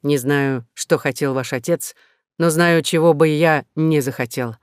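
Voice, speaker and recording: A man's voice: fairly high pitch, unhurried, clean tone, no room sound, clean studio sound, close to an everyday voice. A man reading a novel aloud, voicing a blunt, proud old peasant carpenter. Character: old peasant carpenter Jean, gruff and hearty.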